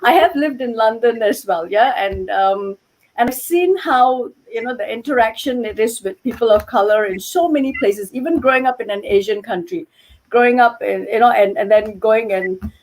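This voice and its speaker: A woman's voice: a little high, moderate pace, darkish tone, low-quality recording. Earnest woman from Malaysia on a call. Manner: earnest, many "you know" and "okay" asides. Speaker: guest, yarn dyer. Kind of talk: casual video-call interview. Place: home room with yarn shelves. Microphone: headset on video call.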